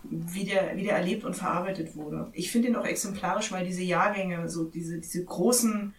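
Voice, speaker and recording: A woman in her forties from East Berlin talks thoughtfully in a casual roundtable, her voice a little low. She sounds distant from the mic in a roomy space, with faint noise behind her. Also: normal speed. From East Berlin, Germany. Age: 40s. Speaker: discussion guest.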